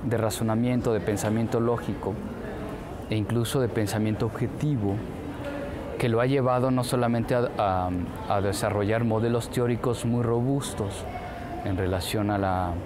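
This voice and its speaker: A man speaking unscripted as an interviewed expert, halting and repeating words as he searches. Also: fairly low pitch, fairly even intonation, background noise.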